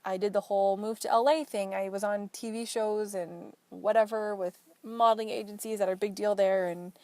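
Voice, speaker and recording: A woman's voice: medium pitch, steady tone, normal speed, warm tone, dry recording. Young woman ranting to herself in her car, dry close sound, blunt and fed up. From Portland, Oregon. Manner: frank, exasperated storytelling with swearing. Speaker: podcast host. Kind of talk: casual solo chat. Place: inside a parked car.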